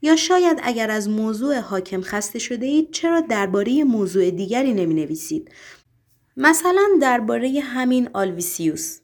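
A woman's voice: fairly high pitch, sing-song, a little mellow. A woman voicing a commanding male devil in an audiobook, speaking with disdain and authority. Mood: probing.

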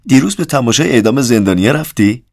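Man voicing eager chilly young scholar, bright lifted voice, relishing detail, dry sound. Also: medium pitch, lively intonation, gravelly, no room sound, voice pushed up. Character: young male lexicographer, eager and cold.

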